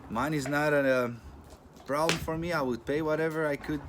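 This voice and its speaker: A man's voice: on the high side, steady tone. Greek-accented man, noisy recording. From Greece. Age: 30s. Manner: plain-spoken, unhurried, non-native phrasing. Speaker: channel host. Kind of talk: casual talk to camera. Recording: noisy with clicking sounds.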